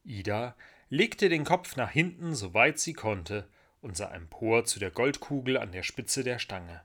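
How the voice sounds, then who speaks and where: A man reading a children's story aloud in a gentle, expressive storytelling manner. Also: medium pitch, measured pace.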